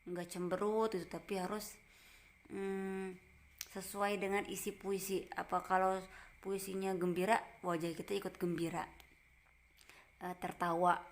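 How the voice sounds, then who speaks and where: A woman teacher giving a gentle lesson to a class, explaining step by step in short phrases and checking in with her pupils. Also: fairly low pitch, slight background noise.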